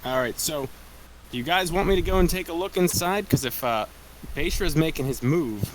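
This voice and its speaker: A man's voice: fairly high pitch, lively intonation, normal speed, a little hiss or hum, rough recording. A man playing a tabletop game casually, unsure and swearing as he restarts his sentences. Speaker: player.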